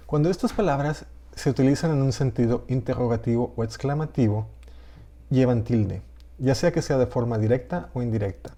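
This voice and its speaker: A man with a mellow, darker voice gives a pre-recorded grammar lesson. He explains each rule patiently and reads example sentences aloud, at a middle pitch. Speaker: writing workshop instructor.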